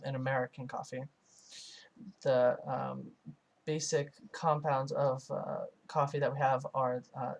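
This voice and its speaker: A man voicing a live translation over a foreign-language source. He speaks in a narrow, level pitch band and keeps a middle pitch. He pauses and hesitates often, with many filler sounds and restarted phrases. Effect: live translation voiced over a foreign-language source. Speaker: student interpreter. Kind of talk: simultaneous interpretation voice-over.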